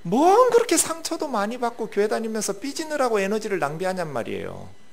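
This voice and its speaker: Male pastor, high and very animated sermon voice, loud-soft contrasts, talks with the pews. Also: brisk, vocal fry. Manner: lively, swings between loud bursts and quiet asides, talks with the congregation.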